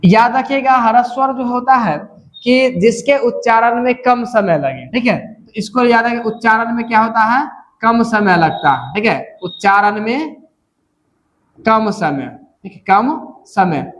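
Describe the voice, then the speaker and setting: A man teaching a Hindi grammar lesson, repeating key terms slowly and checking in often with the class. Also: extremely high pitch, lively intonation, fairly bright tone. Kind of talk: classroom lecture.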